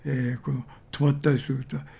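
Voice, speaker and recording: A male pastor delivers a storytelling sermon, his voice heavily gravelly and husky. It sits somewhat high for a man yet sounds dark and mellow. He leans on fillers and repeats words for emphasis. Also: little pitch movement, a little fast.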